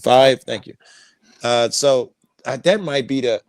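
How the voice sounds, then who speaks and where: A man's voice: mid-range voice, a little slow, no room sound. A man co-hosting a casual livestream chat, talking bluntly and profanely with a joking edge. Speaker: co-host.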